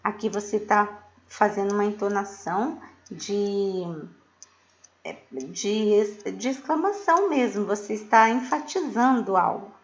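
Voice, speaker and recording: A middle-aged woman teaches a class, patient and explanatory, checking in with her pupils again and again. Her voice sits at a middle pitch. The recording is a little dull and lo-fi. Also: measured pace. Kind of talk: recorded remote class lesson.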